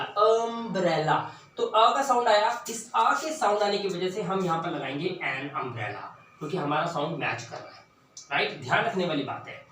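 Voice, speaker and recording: A man teaching an English grammar lesson, often asking questions and repeating words slowly for emphasis. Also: high-pitched, pushed and bright. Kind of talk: classroom-style lesson. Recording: echoey room, distant mic, faint hiss.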